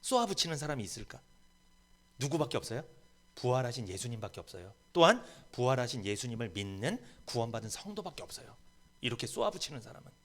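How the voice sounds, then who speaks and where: A man's voice: medium pitch, sing-song, fast talker, a bit bright. A man preaching a sermon as pastor, emphatic and rising to bold proclamations in a church. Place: church sanctuary.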